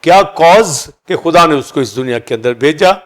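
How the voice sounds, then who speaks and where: Pastor guy preaching, voice a bit on the high side, keeps stacking up meanings for each word. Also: expressive, moderate pace. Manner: teaching, repeats synonyms for each key word. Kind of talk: sermon.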